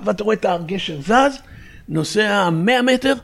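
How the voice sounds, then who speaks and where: A man's voice: high-pitched, lively intonation, creaky. A man in his seventies, a war veteran in an interview, vividly retelling events and voicing the radio exchanges. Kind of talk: recounting memories in an interview.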